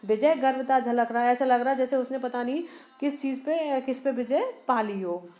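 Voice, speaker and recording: A woman's voice: high voice, normal speed, a little mellow. A woman teaching a Hindi poem to students. She asks them questions and answers them herself, and she repeats and rephrases lines with small restarts. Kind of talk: poem explanation lesson for students.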